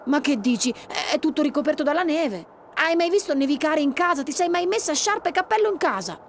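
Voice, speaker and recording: A woman's voice: fairly high pitch, moderate pace, a little mellow, a little hiss or hum, natural voice. A woman voicing a sulky, frightened young boy in a read-aloud children's story, anxious and whiny. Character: scared, sulky young boy, the older brother.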